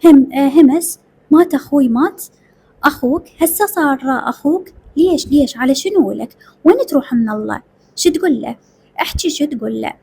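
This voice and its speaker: A woman's voice: high-pitched, a little fast, vocal fry, mellow. A woman voicing a grieving mother, with an Iraqi accent, speaking in frantic, sobbing repetitions. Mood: frantic grief. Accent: Iraqi Arabic. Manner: frantic, sobbing, repeating herself. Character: grieving mother wailing over her dead son.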